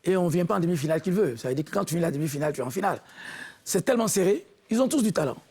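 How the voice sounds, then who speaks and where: A man sits on a talent show jury and weighs up a performance. His voice is gravelly and husky, slightly raised in pitch, and he talks in a measured, halting way. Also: expressive, a little mellow. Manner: measured, halting, repeats words. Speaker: jury member. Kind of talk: spoken critique of a contestant.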